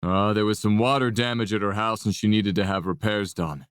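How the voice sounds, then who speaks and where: A woman voicing a weary, gruff grown man in an audiobook, speaking low, tired and clipped. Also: fairly quick, no echo, studio quality. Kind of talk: audiobook narration.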